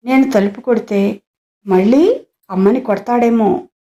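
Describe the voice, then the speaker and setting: A woman's voice: fairly high pitch, a little slow, warm tone. A woman voicing a worried young college daughter in an audio story, asking anxious questions.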